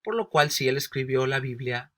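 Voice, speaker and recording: A man's voice: medium pitch, expressive, normal speed, fairly bright tone. A man teaching a Bible lesson for new believers. He explains with everyday examples, asks rhetorical questions and often addresses his listeners as brothers and sisters. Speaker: Sunday school teacher.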